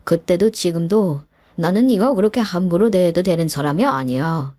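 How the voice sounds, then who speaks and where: A woman voicing a calm, deeply hurt middle-aged man who was bullied, speaking quietly, firmly and measured. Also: no room sound, clean studio sound, lightly acted. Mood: cold resolve. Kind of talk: story narration with acted dialogue.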